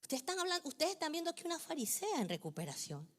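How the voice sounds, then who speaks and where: A middle-aged woman pastor delivers an impassioned sermon. Her voice sits high and swings widely in pitch as she drops to hushed lines and then climbs toward near shouts. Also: very animated, racing. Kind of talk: preaching a sermon.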